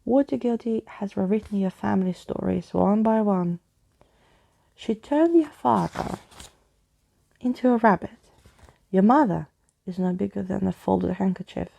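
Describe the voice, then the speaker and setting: Lady doing a pompous old skeleton guy from a storybook, wordy n grand, kinda creaky n soft-toned. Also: medium pitch, a little slow, pauses often, low-quality recording. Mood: revealing. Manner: grandiose, alliterative, theatrical speech.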